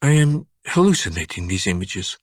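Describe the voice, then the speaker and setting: A man reading an audiobook voices a frightened forty-nine-year-old woman, raising his voice high and strained as she questions her attacker. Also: very animated, normal speed, dry recording, full character voice. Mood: uneasy calm. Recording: dry studio audiobook recording.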